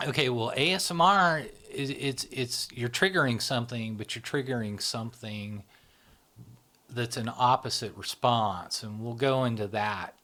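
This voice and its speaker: A man who founded a channel explains things in a relaxed, casual conversation, using many fillers and restarts. His voice sits in the mid range.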